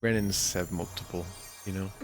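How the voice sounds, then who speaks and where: A man's voice: low-pitched, fairly even intonation, a little slow, slight background noise. A man streaming a video game live, reacting with wry jokes and commentary. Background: game music and sound.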